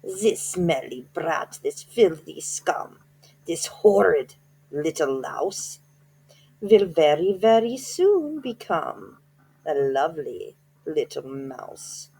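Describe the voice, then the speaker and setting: Brief: shrieking, gloating witch queen from a storybook , a woman putting her on, high and stretched out. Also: big pitch swings, gravelly, husky, heavily acted. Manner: shrill, theatrical, drawn-out. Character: sinister commanding female witch leader.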